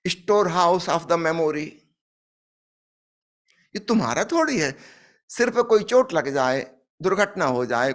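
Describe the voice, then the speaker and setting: Guy giving a spiritual talk, story-style, voice swings up and down a lot, a bit high. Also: fairly bright tone. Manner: storytelling, acts out dialogue, emphatic rises. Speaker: spiritual speaker. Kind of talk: spiritual discourse with a parable.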